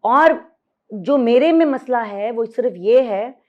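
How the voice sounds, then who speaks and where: A woman's voice: on the high side, animated, slow. Reflective woman, dull recording. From Pakistan. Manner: reflective, switches between Hindi-Urdu and English, emphatic repetition. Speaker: podcast guest. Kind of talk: candid interview conversation.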